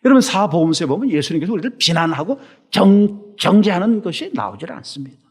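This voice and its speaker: A man preaching a Sunday sermon as pastor in a church, animated, asking rhetorical questions and slowing down to stress his points. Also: high voice, husky.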